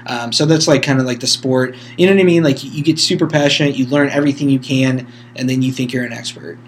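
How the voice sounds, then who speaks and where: A man's voice: medium pitch, fairly even intonation, fast, slight background noise. A man in a casual podcast chat, joking around and swearing now and then.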